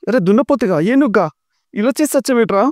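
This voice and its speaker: A man voicing a quick-tempered village woman who scolds and calls names in a shrill voice. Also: no room sound, studio quality. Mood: scolding. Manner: shrill, scolding, name-calling.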